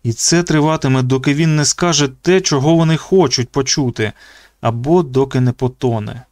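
A man narrates a novel in a steady, measured storytelling voice at an ordinary pitch. He is close to the mic, and the recording is dry with no room echo. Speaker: audiobook narrator. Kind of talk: scripted narration.

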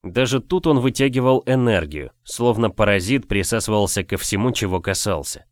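Guy reading a fantasy audiobook, lowish voice, dry close sound. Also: normal speed, no echo. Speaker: audiobook narrator. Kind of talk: first-person fantasy audiobook narration.

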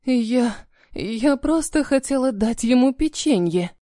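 A woman's voice: fairly high pitch, animated, slow, dark tone, dry recording, studio quality. A woman voicing a frightened young wife who pleads in a trembling voice. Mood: pleading.

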